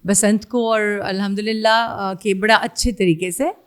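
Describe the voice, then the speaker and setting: A woman's voice: mid-range voice, steady tone, normal speed. Woman with a Pakistani Urdu accent, hesitant. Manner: hesitant, many fillers, mixes in English. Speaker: guest singer. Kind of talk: casual interview chat.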